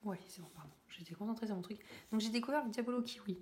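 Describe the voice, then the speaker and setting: A woman's voice: medium pitch, fast talker, a little mellow, slight background noise. Young woman hobby vlogger, chatty and rambling, recorded in a roomy, echoey space. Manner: rambling, many fillers and self-corrections, laughs at herself. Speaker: coloring YouTuber. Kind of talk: casual chat while coloring.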